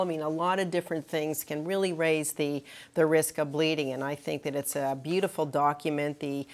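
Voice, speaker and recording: A woman clinician speaking on a medical panel, explaining treatment guidelines earnestly with frequent fillers and restarts. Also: low-pitched.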